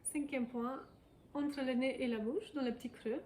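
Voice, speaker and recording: A woman giving a guided emotional tapping lesson, speaking in calm, repetitive phrases. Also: high voice, normal speed, slight background noise. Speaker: EFT tapping practitioner. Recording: echoey room with faint ambience.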